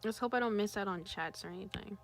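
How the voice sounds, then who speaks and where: A woman's voice: mid-range voice, fast talker, soft background music. A young woman chatting casually on a drawing livestream, reading chat aloud and greeting viewers. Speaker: streamer.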